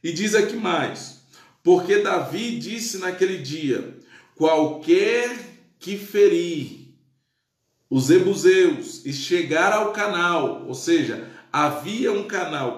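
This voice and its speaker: A male pastor with a high-pitched voice teaches the Bible on a live stream, exclaiming praise and checking in with his listeners. His Portuguese carries a touch of Spanish influence, and the room sounds echoey.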